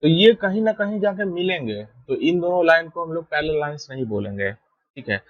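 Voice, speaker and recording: Male teacher, voice on the high side, dry close-mic recording, patient explainer. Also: normal speed, no room sound, muffled recording. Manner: steady, repeats "ठीक है" to check understanding. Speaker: math teacher. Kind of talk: explaining a lesson while drawing.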